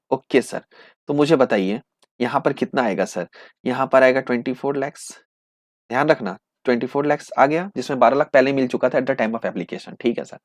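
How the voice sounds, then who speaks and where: A man teaching accountancy in with terms, asking questions and answering them himself, slowing right down to dictate entries. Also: medium pitch, dry recording, clean studio sound. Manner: lively, asks and answers his own questions, slows to dictate entries. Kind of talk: classroom lecture acting out students' replies.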